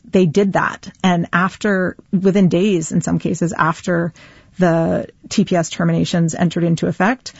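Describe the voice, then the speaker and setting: A woman's voice: on the low side, darkish tone, no echo, dull audio. A woman advocate speaking in a news interview, laying out facts fluently in long runs. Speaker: immigrant advocate.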